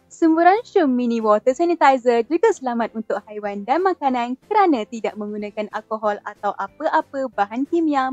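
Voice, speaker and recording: A Malaysian woman reading a scripted infomercial as a TV shopping announcer, pitching a product with careful enunciation. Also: a little mellow, no echo. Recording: dull band-limited audio under music. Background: background music.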